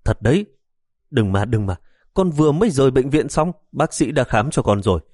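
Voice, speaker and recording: A man voicing a flustered young male police officer trying to calm his mother. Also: mid-range voice, a little fast, no room sound, clean studio sound, voice pushed up, close to an everyday voice. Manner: flustered, pleading.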